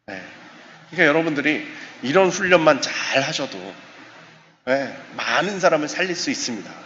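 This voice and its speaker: A man, a professor, giving a lively seminar talk in a church, acting out little exchanges with his listeners. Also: a little high. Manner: animated, acts out short dialogues with the audience. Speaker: professor lecturing on suicide prevention. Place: church sanctuary. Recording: muffled recording, long church reverb, faint hiss.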